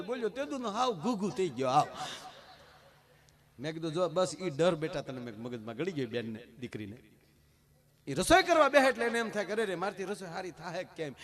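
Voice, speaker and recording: Speaking with a Kathiawadi Gujarati accent, a man tells a comic folk story to a live audience in an animated, punchy way, repeatedly addressing them directly. His voice sits high.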